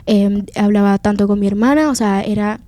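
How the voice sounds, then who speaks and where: Venezuelan young woman with a dark, dry voice. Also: medium pitch, moderate pace, no echo. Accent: Venezuelan Spanish. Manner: earnest, confiding storytelling. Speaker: guest giving testimony. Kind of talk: personal faith testimony.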